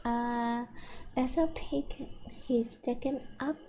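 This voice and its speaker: ゆったりした高めの女性配信者. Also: female voice, fairly high pitch, fairly even intonation, warm tone, a little hiss or hum, poor audio. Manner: slow, halting delivery. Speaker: game streamer. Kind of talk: halting live read-aloud of translated game text.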